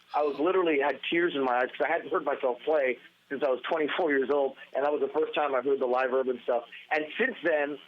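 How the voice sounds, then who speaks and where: Animated man on a tinny phone line. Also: on the high side. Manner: animated, rambling, restarts often. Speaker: podcast guest, former band guitarist. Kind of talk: casual storytelling interview.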